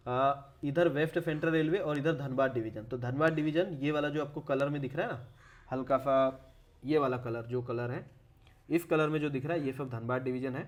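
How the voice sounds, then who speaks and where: Male explainer, casual and chatty, repeats "okay" between points, catches and fixes his own slips, calls the viewer "brother.". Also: fairly high pitch. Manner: keeps saying "okay" and corrects his own pronunciation. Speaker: educational video creator. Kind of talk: casual walkthrough of a map.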